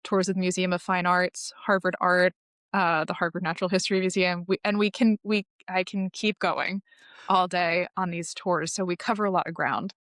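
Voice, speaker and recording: A woman's voice: fairly low pitch, level tone, normal speed, fairly bright tone, no echo, studio quality. A woman guest on a podcast, explaining her tour company in long, enthusiastic, informative answers. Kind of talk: podcast interview.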